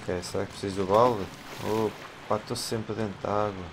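Male let's-player, European Portuguese accent, jumpy and chatty, game sounds clearly audible under the voice. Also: fairly low pitch, moderate pace. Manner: excitable, yelps and swears at jump scares, mutters to himself. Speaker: gamer playing a horror game. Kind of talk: let's play commentary. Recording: clear game noise behind voice.

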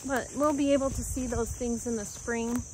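A woman calmly narrating a walk through her woods, pausing often as she points out plants and animals. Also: fairly high pitch, slight background noise, rough recording. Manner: calm, unhurried, pausing often. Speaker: homestead vlogger. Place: outdoors in woods by a creek. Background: faint insects and outdoor ambience.

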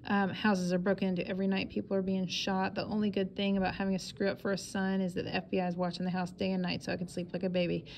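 A woman's voice: mid-range voice, monotone, fast, gravelly, hardly any pauses, a little mellow, a little hiss or hum, close to an everyday voice. A woman reading as a blustering, scolding father. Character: angry middle-aged father scolding his runaway son.

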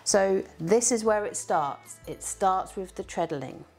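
A woman's voice: mid-range voice, lively intonation, takes it slowly, darkish tone. Woman, friendly craft tutor, chatty and encouraging, counts the rhythm aloud while demonstrating, faint music underneath. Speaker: spinning teacher. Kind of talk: casual how-to demonstration.

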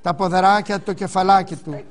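A man reading a first-person testimony aloud in a solemn, earnest and emotional way. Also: high voice.

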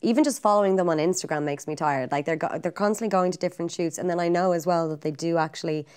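A young Irish woman hosts an interview, asking long, chatty questions full of fillers. Her voice is smooth and clear and sits a little low. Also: fast, a little mellow. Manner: friendly, talkative questioning with many fillers. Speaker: podcast host. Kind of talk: casual interview chat.

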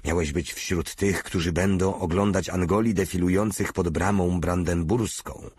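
Guy doing a big dumb-sweet soldier, talks about himself like a kid, low husky voice, dry. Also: fairly even intonation, normal speed, darkish tone, dry recording. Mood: pleading. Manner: talks of himself in the third person. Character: simple-minded hulking male soldier, childlike and fearful. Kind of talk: audiobook character reading.

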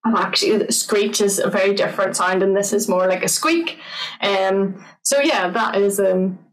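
A woman gives an informal online wildlife talk, chatting her way through slides with plenty of "um"s. Her voice sits at a middle pitch. She is heard from a little distance away from the microphone. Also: normal speed. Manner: chatty, filler-heavy, friendly explaining. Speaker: conservation officer giving an online talk.

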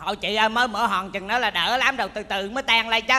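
Sharp-toned grumbling man. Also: sits high, fast. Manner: grumbling, cheeky. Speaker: hired professional mourner. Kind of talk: stage comedy sketch. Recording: stage recording in a reverberant hall.

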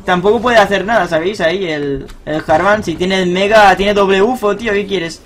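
A young man giving live, excitable commentary on his own ranked game, swearing and cheering at big plays. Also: sits high, brisk, faint music behind. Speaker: gaming streamer.

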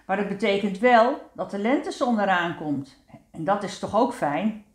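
A woman's voice: mid-range voice, lively intonation, normal speed, echoey room, natural voice. A woman voicing a kind, motherly aunt tree with a sing-song, caring manner.

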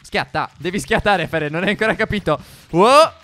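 A young man co-hosting a gaming channel, trading loud exclamations and teasing in excited co-op play. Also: sits high, brisk. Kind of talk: excited co-op gameplay banter.

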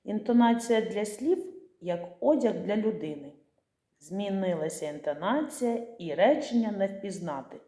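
Soft mellow lady teacher talking to little kids, patient, asks stuff then answers, roomy echo. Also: mid-range voice, animated, a little slow. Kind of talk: scripted lesson for young children.

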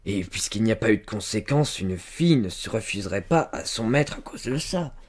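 A man voicing a stubborn, brutish farmer who badgers and shouts. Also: lowish voice, expressive, normal speed, breathy edge. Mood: muttering. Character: brutish stubborn middle-aged male farmer.

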